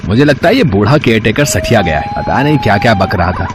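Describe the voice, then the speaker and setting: A man's voice: on the low side, animated, quick pace, background noise, close to an everyday voice. A man voicing a cocky young male college student who mocks and jokes in a cartoon horror story. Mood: mocking. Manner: mocking, joking tone.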